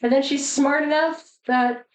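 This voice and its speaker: A woman's voice: high voice, fairly even intonation, a little slow. A woman co-hosting a podcast, chatting casually about a film with lots of fillers and little acted-out lines. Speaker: podcast co-host. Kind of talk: casual movie discussion. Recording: echoey room.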